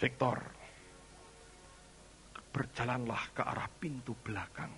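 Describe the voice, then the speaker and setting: A man's voice: mid-range voice, takes it slowly, fairly bright tone, a little hiss or hum. A man voicing a stern, fatherly male God who gives blunt, scolding commands. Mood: commanding.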